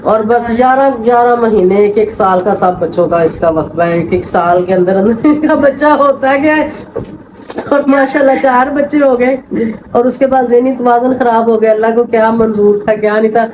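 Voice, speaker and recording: Pakistani lady telling family drama, repeats stuff for emphasis, a bit high pitched, faint background hiss. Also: moderate pace. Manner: emphatic, repeats herself, acts out quoted voices. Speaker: interviewee telling a family story. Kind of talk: casual storytelling interview.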